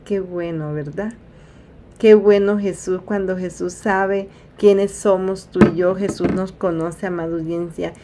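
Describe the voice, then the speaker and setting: Female preacher, lowish mellow voice, chatty scripture retelling with asides, faint hiss behind. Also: fairly even intonation, measured pace. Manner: warm direct address, repeats "amada audiencia". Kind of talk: informal Bible sermon.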